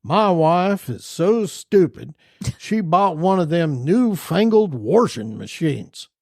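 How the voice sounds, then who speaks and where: A man doing a slow-witted country hillbilly who drags every word out in a lazy, folksy drawl. His voice stays fairly high and lilts up and down as he spins his yarn. The sound is close and dry. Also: big pitch swings, a little mellow, no echo, exaggerated voice. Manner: slow, drawn-out folksy delivery.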